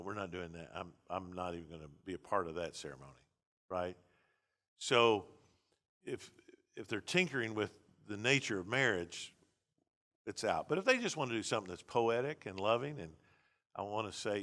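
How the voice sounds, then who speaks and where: A man's voice: lowish voice, pushed and bright. A man, a pastor teaching a seminary class in a blunt, conversational lecture with many restarts.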